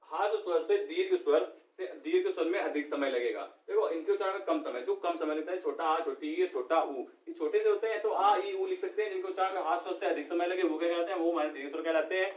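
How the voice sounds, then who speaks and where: A man's voice: sits high, fast. A man teaching a classroom lesson, asking questions and answering them himself. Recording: echoey room, far from the mic.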